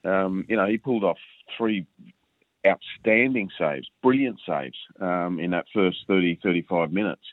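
A man's voice: low-pitched, normal speed, no echo. A man talking over the phone as a football analyst, in casual chat, hesitant with lots of uh and um and repeated words. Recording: tinny phone line, dry.

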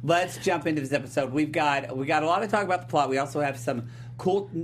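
A man hosting a casual recap show, chatting in an excitable, jokey and playful way. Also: a little high, fast, slight background noise. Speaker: talk show host.

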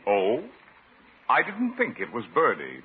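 An actor playing an irate older neighbor in a 1940s radio comedy, gruff and prone to shouting. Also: male voice, medium pitch, wildly swooping pitch, a little slow, a little hiss or hum. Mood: stiff. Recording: tinny old radio broadcast.

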